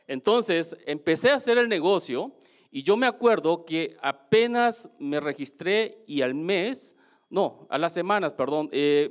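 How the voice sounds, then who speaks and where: A man with a Mexican accent giving a lively motivational testimonial at a business seminar, often checking in with the audience through quick questions. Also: a little high. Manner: keeps asking the audience questions, animated.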